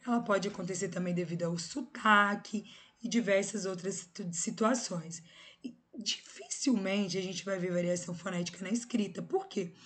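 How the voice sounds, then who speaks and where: A woman's voice: mid-range voice, moderate pace, fairly bright tone. A woman with a Brazilian Portuguese accent giving a recorded lesson, explaining step by step and checking in with short tag questions. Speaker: teacher.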